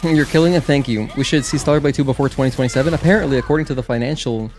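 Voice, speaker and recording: A man with a medium-pitched, slightly mellow voice talks rapid-fire while livestreaming a video game. He chats casually and ramblingly with viewers, breaking off to react and answer them as game music plays behind him.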